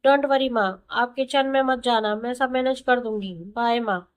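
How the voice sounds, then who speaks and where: A woman's voice: on the high side, normal speed, clean tone, lightly acted. A woman voicing a cheerful young working daughter-in-law, breezy and reassuring.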